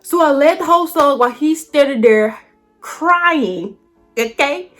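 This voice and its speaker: A woman vlogger telling a story straight to her viewers in an animated, colloquial way. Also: sits high, unhurried, faint music behind. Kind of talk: casual storytelling to camera.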